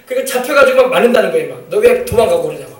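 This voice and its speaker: A man's voice: sits high, lively intonation, racing. A male pastor preaching a sermon, emphatic, calling for amens and acting out family quotes. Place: church sanctuary. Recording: echoey church sound from a distant mic.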